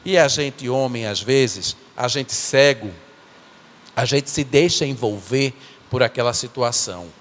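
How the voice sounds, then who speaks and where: A man's voice: mid-range voice, fairly bright tone, natural voice. A man as a remorseful biblical strongman. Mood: rueful. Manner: earnest, halting storytelling with repeated words. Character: biblical strongman, remorseful, telling his own fall. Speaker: church performer. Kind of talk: first-person dramatic monologue in church. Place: church sanctuary. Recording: echoey church hall.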